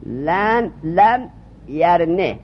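A man's voice: sits high, lively intonation, slight background noise. A man teaching a religious studies class, repeating key terms and quizzing his students with questions. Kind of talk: classroom lesson. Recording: dull lo-fi recording.

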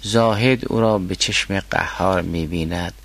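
A man teaching a class on a mystical philosophy text, reading classical quotations slowly and then explaining them. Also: sits low, vocal fry, a bit bright.

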